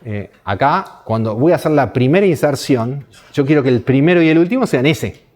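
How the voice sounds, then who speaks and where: A man's voice: mid-range voice, expressive, a little fast, a little mellow. A man with a Rioplatense Spanish accent giving a university programming lecture, explaining step by step and asking the class rhetorical questions. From Uruguay. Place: lecture hall.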